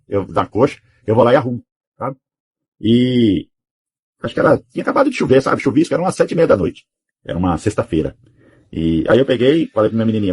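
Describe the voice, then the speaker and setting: Husky man telling a fast, rambling testimony. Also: on the low side, a little mellow. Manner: rambling, tags sentences with "sabe?" and "né?". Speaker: testimony giver. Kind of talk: personal testimony.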